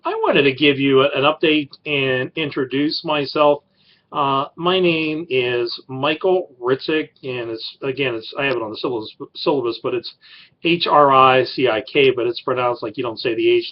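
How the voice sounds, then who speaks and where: A man's voice: medium pitch, highs cut off. A middle-aged man who teaches college writing, giving a class introduction in a rambling way with many fillers and restarts. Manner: rambling, filler-heavy, self-correcting.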